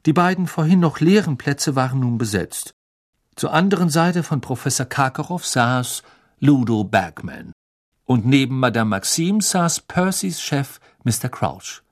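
A man reading a children's novel aloud with expressive storytelling. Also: mid-range voice, unhurried. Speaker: audiobook narrator. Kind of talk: scripted narration.

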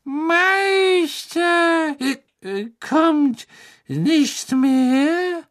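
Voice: high voice, drawn-out words, a bit bright, pitched above the performer's own voice, heavily acted. A narrator voicing a drunk, tearful female house-elf who slurs and whimpers and talks about herself in the third person. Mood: slurred whimpering. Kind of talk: audiobook character voice.

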